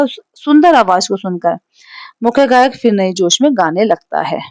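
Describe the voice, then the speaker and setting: A woman with a Hindi accent, her voice mid-pitched and a little mellow, teaches a poem line by line in a patient, explanatory manner. She regularly pauses with "theek hai" to see that her students are keeping up. It's a dry recording with no room sound.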